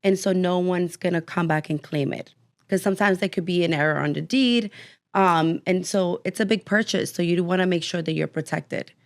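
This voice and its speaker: A woman's voice: lowish voice, moderate pace. A young adult woman, a guest on a casual podcast, chatty and explaining with everyday examples. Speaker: title company guest.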